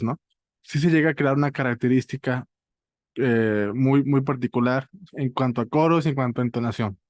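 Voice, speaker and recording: A man's voice: mid-range voice, darkish tone, no room sound, studio quality. A man with a Mexican accent hosting a casual music review chat in a playful, slangy way. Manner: playful, slangy, leading the talk. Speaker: podcast host.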